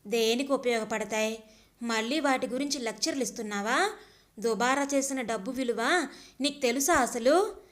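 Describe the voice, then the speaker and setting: A woman's voice: sits high, a little slow, pauses often, fairly bright tone. Ravi, a woman doing a sneering husband. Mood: mocking. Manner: sneering, scolding. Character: scornful husband, a clerk, mocking his wife.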